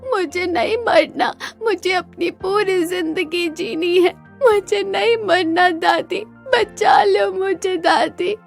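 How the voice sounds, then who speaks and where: A woman voicing a frightened young female goat who pleads tearfully for her life, in a higher voice than her narration. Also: slow, vocal fry, few pauses, faint music behind, exaggerated voice.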